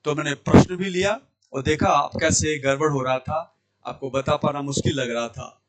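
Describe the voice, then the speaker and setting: A man with a Rajasthani Hindi accent teaching an online Hindi lesson, drilling syllables slowly and with emphasis. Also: a little high, fairly even intonation, a little hiss or hum.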